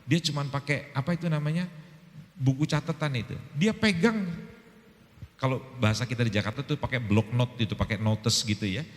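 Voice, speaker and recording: A man's voice: mid-range voice, fairly quick, long reverb tail. A male pastor in his fifties preaching a sermon, telling stories animatedly and acting out quoted dialogue.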